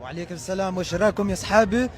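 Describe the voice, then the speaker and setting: A young man with an American accent, a native English speaker, talking casually and haltingly in a street interview. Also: high-pitched. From United States. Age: young adult. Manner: halting, searching for words. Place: busy city square outdoors. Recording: street crowd, faint music behind.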